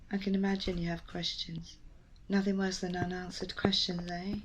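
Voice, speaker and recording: Her voice is lowish and fairly flat in pitch, a little slow and near her normal speaking voice. She voices a sardonic, hesitant young rescuer who dodges and jokes in an ASMR audio roleplay, striking an awkward but reassuring tone. The close voice carries noisy ambience behind it.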